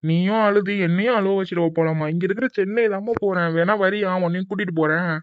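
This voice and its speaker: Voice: medium pitch, fairly even intonation, fast, no echo, natural voice. A voice actor playing an impatient young adult son in a cartoon, coaxing his mother in an exasperated way. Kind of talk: cartoon voice acting. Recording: dull lo-fi dry recording.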